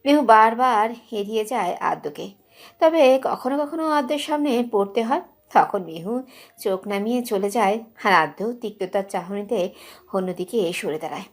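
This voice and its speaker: A woman's voice: mid-range voice, normal speed. A woman narrating a dramatic audio love story with emotive delivery. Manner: emotive, expressive.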